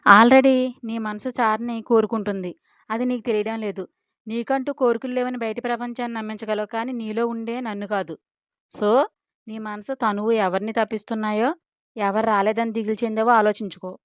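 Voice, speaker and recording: Woman reading a mocking inner-voice figure, scolding, smooth voice, dry sound, audio story. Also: on the high side, steady tone, normal speed, a bit bright, no room sound, highs cut off, lightly acted. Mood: lecturing.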